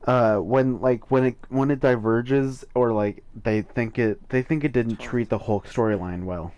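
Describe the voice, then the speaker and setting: A man's voice: mid-range voice, fairly even intonation, measured pace, a little mellow, clean tone, no echo. A young man chatting casually while playing a video game, giggling and quoting characters. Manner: giggly, quotes characters in funny voices. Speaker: gamer. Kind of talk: casual chat while gaming.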